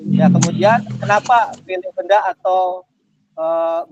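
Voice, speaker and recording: A man facilitating an online workshop over a video call, his audio choppy and glitching as it breaks up, giving slow, repeated instructions. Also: high-pitched, huge pitch swings, gravelly, highs cut off, loud music behind the voice. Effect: choppy, glitching connection audio.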